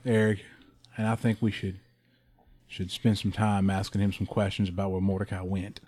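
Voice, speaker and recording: A man's voice: low-pitched, flat delivery, moderate pace, dark tone, breathy edge. A man playing in a tabletop game, laid-back and joking with the group. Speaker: player. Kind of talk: casual tabletop play.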